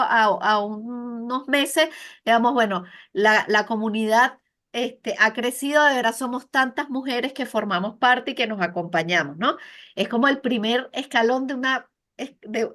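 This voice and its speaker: A woman guest answers in a measured, thoughtful way, often restarting and repeating small words as she looks for the right phrase. Her voice is a little higher than average. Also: fairly bright tone. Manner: hesitant, repeats words while searching. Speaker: guest, project director. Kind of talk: interview conversation.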